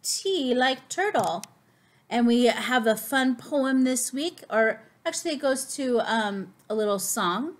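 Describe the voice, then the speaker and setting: A woman teaching preschoolers as host of a children's lesson, speaking slowly with exaggerated, cartoonish sing-song intonation. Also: fairly high pitch, lively intonation. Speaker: preschool teacher hosting circle time.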